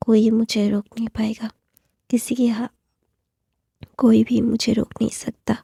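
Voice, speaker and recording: A woman's voice: a little high, level tone, measured pace, creaky, dark tone, breathy edge, dry recording, clean studio sound, heavily acted. A woman voicing a cold, vengeful older woman, spoken half in a whisper.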